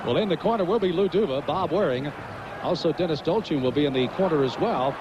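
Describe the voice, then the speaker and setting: Higher-voiced male boxing commentator, noisy ringside. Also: animated, brisk. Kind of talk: live sports commentary. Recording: muffled, very noisy broadcast from ringside.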